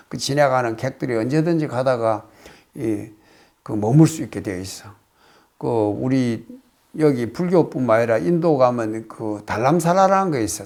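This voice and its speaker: An older man from Korea, a Buddhist monk, giving a casual spoken lecture on a classical text, reciting phrases and then explaining them with many pauses. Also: mid-range voice, a little mellow. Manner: explains slowly, reciting phrases then paraphrasing, with frequent hesitations.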